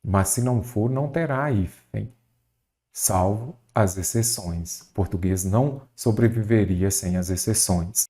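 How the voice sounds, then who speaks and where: Brazilian male teacher, middle-aged, warm dark tone, explains step by step with rhetorical questions. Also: fairly low pitch, unhurried. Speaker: Portuguese teacher for exam prep. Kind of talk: exam-prep lesson solving test questions.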